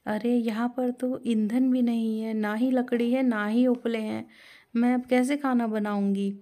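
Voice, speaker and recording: A woman voicing a gentle, patient young bride who speaks softly and kindly. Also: on the high side, steady tone, a little slow, close to an everyday voice.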